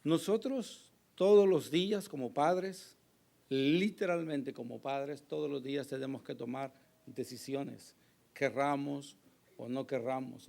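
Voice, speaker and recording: A male pastor preaching a sermon with a hoarse voice, earnest and emphatic, pausing to address the congregation. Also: mid-range voice, darkish tone. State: hoarse, recovering from lost voice.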